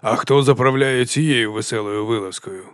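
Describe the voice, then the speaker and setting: A man's voice: mid-range voice, moderate pace, clean tone, dry recording, studio quality, close to an everyday voice. A man putting on a drawling mad hill chieftain. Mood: jovial, unhinged. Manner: drawling and sing-song, swinging between hushed and loud. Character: fat mad cheerful male hill chieftain. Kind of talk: audiobook character voice.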